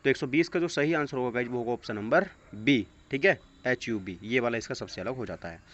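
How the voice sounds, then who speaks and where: This man coaches students for exams, working through questions and answers in an instructional style peppered with English phrases. He has a brisk, mid-range, fairly bright voice, captured on dull lo-fi audio where background noise is clear.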